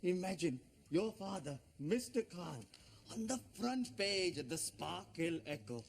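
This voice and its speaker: A pompous, swooping Pakistani dad. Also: male voice, sits high, lively intonation, unhurried, gravelly, a little hiss or hum, heavily acted. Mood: boastful. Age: middle-aged. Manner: pompous, boastful, theatrical. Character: pompous, excitable middle-aged Pakistani father and community leader. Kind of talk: broad television sitcom acting.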